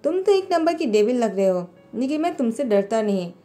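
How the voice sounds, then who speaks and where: A woman's voice: fairly high pitch, sing-song, a little fast, warm tone, faint music behind. Woman playing a sweet childlike young husband. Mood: innocent. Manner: innocent, pleading.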